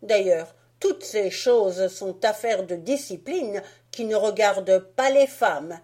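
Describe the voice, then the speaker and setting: A woman voicing a bossy, boastful young boy in a storybook, loud and swaggering. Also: medium pitch, takes it slowly.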